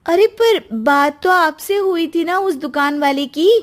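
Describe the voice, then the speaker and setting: A woman's voice: extremely high pitch, measured pace, voice pushed up. A woman voicing a cheerful, trusting young wife in a cartoon story. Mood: eager.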